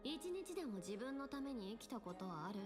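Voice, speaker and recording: A woman's voice: on the high side, big pitch swings, fairly quick, loud music behind the voice. A woman voicing a sly, breezy young female treasure-loving thief in an anime game, with a casual, teasing, cocky delivery. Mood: persuasive, teasing. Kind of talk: Japanese anime game voice acting.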